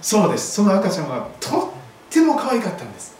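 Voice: medium pitch, wildly swooping pitch, fast, a little mellow, slight background noise. A pastor giving a sermon, telling a scripture story vividly. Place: church hall. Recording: very echoey hall, voice far from mic.

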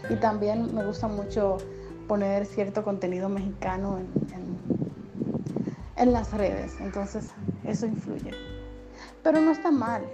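A woman from the Dominican Republic with a softened Dominican accent, hosting a podcast in an encouraging, chatty way with frequent fillers. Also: mid-range voice, measured pace, long pauses, music in the background. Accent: Dominican Spanish, softened toward neutral. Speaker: podcast host and radio announcer. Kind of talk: casual motivational podcast talk.

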